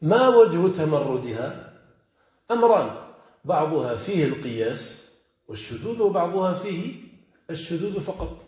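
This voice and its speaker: A man's voice: a little high, very animated, moderate pace, long pauses. A man teaching a classical grammar lesson, explaining step by step and checking in with his students. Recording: echoey, dull lo-fi lecture recording.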